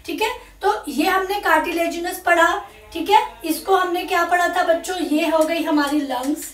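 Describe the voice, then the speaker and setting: A woman's voice: extremely high pitch, normal speed, reverberant, distant mic. A woman teaching a science lesson as she draws a diagram, often calling her viewers "my children" and checking that they follow. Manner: addresses viewers as "my children", checks understanding with "okay?". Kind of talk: classroom lesson while drawing a diagram.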